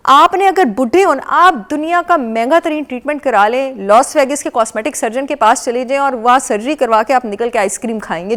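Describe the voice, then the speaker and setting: A woman with a Pakistani accent, a nutrition expert guest on a TV morning show, lecturing with emphatic repetition and English phrases mixed in. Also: on the high side. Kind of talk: explanatory talk-show chat. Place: television studio.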